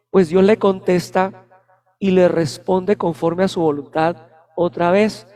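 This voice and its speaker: A male preacher delivers a sermon full of personal anecdotes. His voice sits high, and he acts out the moments he describes. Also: dark tone. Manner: storytelling, dramatizing anecdotes. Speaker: pastor.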